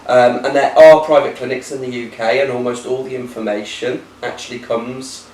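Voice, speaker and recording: A man's voice: medium pitch, fairly even intonation, normal speed, a little mellow. Chatty man in his thirties. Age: 30s. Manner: chatty and teasing, thinks aloud with many fillers. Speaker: co-host. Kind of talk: casual chat. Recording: roomy, distant camera with faint hiss.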